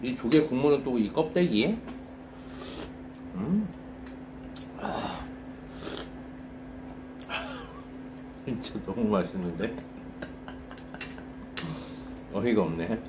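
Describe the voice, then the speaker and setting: A man's voice: medium pitch, big pitch swings, extremely slow, pauses often, background noise. A man eating on camera with his mouth full, chewing, and exclaiming over the food between bites. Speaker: food vlogger. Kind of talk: casual eating show.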